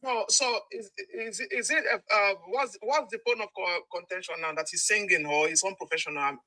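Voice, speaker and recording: A woman's voice: mid-range voice, fairly quick, sharp tone, no echo, rough recording. A woman calling in by phone while driving, speaking hesitantly and restarting her sentences. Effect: calling in by phone while driving a car. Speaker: caller. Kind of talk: casual discussion.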